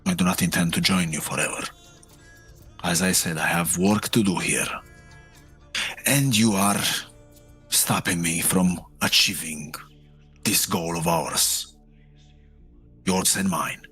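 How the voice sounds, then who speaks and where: Man playing a husky, deep, defiant warrior. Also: slow pace, long pauses, pushed and bright, faint music behind, heavily acted. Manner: proud, earnest, argumentative.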